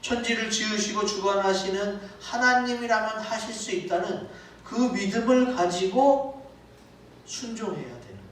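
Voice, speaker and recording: A man's voice: high voice, normal speed, fairly bright tone. A pastor preaching a sermon in a church, talking conversationally and asking his listeners rhetorical questions. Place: church sanctuary. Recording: echoey church hall from far off with faint noise.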